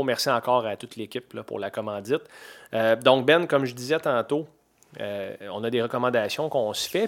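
A Québécois man in his forties hosts a podcast in loose, everyday chat. His voice sits at a middle pitch, and he rambles along with plenty of fillers and restarts. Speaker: podcast host.

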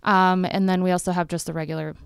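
A woman from public health, a guest on a local interview, talking fast and upbeat with many fillers. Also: on the low side, level tone, gravelly, clean tone, no echo, studio quality. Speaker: public health event organizer.

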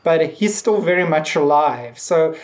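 A podcast co-host chats casually during a discussion, keeping it conversational and scattering "like" through nearly every sentence. The voice is medium-pitched and animated, at a measured pace.

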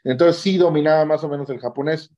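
This interview guest, an orthopedic surgeon with a Mexican Spanish accent, shares a personal story in a conversational way, regularly tacking questioning tags onto his phrases. He speaks fast in a fairly high, mellow voice, and the audio is dull and lo-fi.

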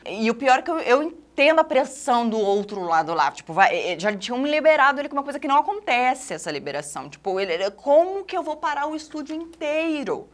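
A Brazilian woman in her thirties on a casual podcast, telling a story quickly with many repeated words. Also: a little high, sing-song, a bit bright. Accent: Brazilian Portuguese. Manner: fast, repetitive storytelling. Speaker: podcast host.

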